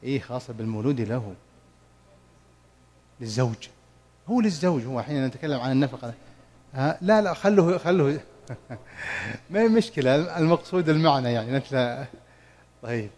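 A man teaching Quran commentary in a mosque study circle, slowly drawing out the verses he recites and quizzing his students as he explains. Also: medium pitch, animated, darkish tone. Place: mosque lesson hall.

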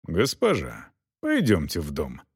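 A man voicing a gruff knight who talks in a dry, unhurried, commanding way in an audiobook. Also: medium pitch, very animated, no echo. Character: gruff, mocking knight, weary after a long ride.

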